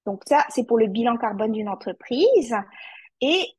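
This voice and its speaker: Hesitant woman with a French accent, slightly husky. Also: fairly high pitch, sing-song, measured pace, darkish tone, no room sound, low-quality recording. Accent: French (France). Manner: hesitant with many fillers, addresses the audience directly. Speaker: climate consultant presenting a webinar. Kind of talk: webinar presentation.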